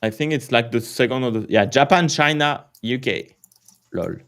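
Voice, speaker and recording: A man's voice: mid-range voice, moderate pace, a bit bright. A man with a French accent hosting a casual crypto livestream, rambling with lots of fillers, swearing and laughing.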